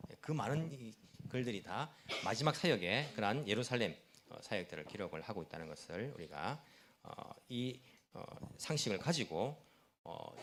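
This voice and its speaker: A middle-aged pastor delivers a Sunday sermon in a church, his pitch rising and falling with real animation. He talks fast, turns to the congregation with questions and answers them himself, and now and then chuckles at his own haste. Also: slight background noise. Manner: fast-talking, self-aware, chuckles at himself. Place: church sanctuary.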